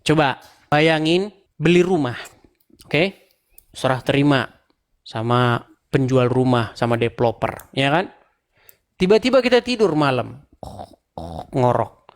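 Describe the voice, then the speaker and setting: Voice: mid-range voice, animated, unhurried, long pauses. An online show host in a mocking debate commentary, sarcastic and laughing as he fires off rhetorical questions to the viewers. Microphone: own camera, livestream.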